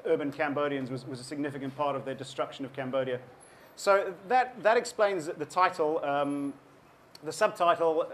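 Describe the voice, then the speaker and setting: This is a book talk delivered to an audience by a South African man in his forties whose voice is fairly high for a man. Reflective in manner, he restarts often and says "um" a lot while collecting his ideas, over a soft hiss from the room.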